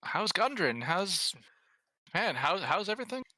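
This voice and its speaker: Man putting on a fretful old man, higher-pitched. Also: very animated, unhurried, bright, forceful tone, no room sound, heavily acted. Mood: delighted, welcoming. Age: older. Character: old male town official, courteous, concerned, fretful.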